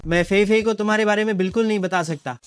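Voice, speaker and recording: Brief: man doing a cruel, scornful young groom for a drama dub, high, thin voice. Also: fast, clear, resonant tone, soft background music, close to an everyday voice. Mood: cold cruel. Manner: sneering and menacing. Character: cruel greedy young man betraying his lover. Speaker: dubbing actor. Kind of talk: Hindi dub of a short drama.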